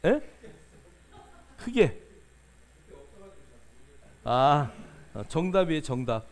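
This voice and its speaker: A man's voice: on the high side, sing-song, extremely slow. A male pastor preaching a sermon, questioning the congregation and coaxing answers, with frequent filler sounds.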